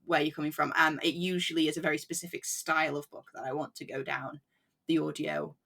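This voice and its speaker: Podcast guest, female, lowish gravelly voice, chatty and animated. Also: fairly quick. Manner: chatty and animated, laughs often. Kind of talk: casual book chat.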